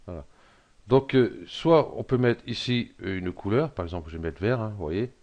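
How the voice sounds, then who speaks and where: A middle-aged man with a frog in his throat, hesitantly talking through a software tutorial with many fillers. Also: on the low side, animated, normal speed, highs cut off. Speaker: tutorial presenter. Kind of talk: screen-recorded software tutorial.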